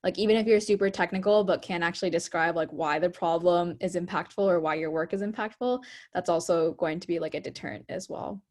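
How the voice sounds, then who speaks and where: A young woman in her twenties talks on an online panel, slightly low for a woman. She strings her thoughts together with constant "like"s and occasional stumbles, in a relaxed, unscripted way. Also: a little fast. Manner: fills speech with "like", some stumbling. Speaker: product manager panelist.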